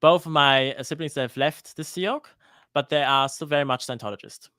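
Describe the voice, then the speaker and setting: A man's voice: on the high side, a little fast, pushed and bright, smooth, no room sound, studio quality. A man in his thirties from Denmark, a guest on a live-streamed interview, talking hesitantly with many restarts. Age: 30s.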